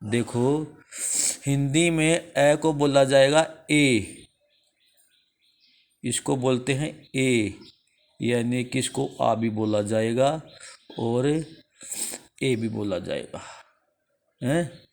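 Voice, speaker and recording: This Indian-accented man teaches the English alphabet at a slow pace, asking questions and supplying the answers on his own. Each answer gets repeated, and his voice sits in the middle range.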